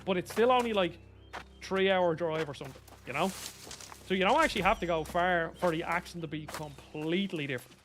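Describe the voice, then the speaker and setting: High-voiced Dublin man chatting over gameplay. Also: brisk, fairly bright tone, soft background music. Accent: Dublin Irish. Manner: chatty, rambling, opinionated. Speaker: gaming YouTuber. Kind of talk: casual gameplay commentary.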